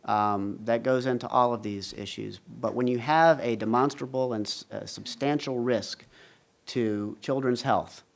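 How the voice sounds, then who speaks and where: A man giving a conference talk on a panel, walking the audience through slides in a measured way. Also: mid-range voice, creaky. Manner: measured, explains slide graphs. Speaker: panel speaker. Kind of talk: conference presentation.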